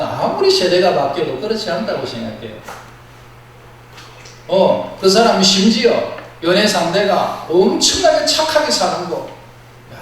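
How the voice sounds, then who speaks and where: A man preaching a sermon as a pastor with a Gyeongsang accent, plain-spoken and blunt, swinging between loud emphatic bursts and soft low asides. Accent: Gyeongsang Korean. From Gyeongsang region, South Korea. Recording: very echoey hall, mic far off, faint noise.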